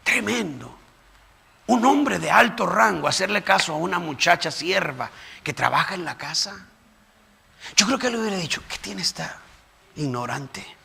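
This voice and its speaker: A man's voice: sits high, animated, moderate pace, creaky, pauses often, sharp tone, slightly rough, long reverb tail. A man preaching a fervent sermon in a church, recorded live. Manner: fervent preaching, voices the people in the story. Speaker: pastor. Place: church sanctuary.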